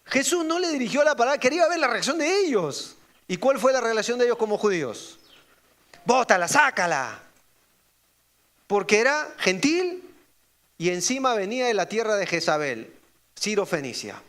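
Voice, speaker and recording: Speaking a little fast with big pitch swings, a man preaches as pastor. He asks the congregation rhetorical questions, and he performs the voices he quotes through sharp pitch jumps.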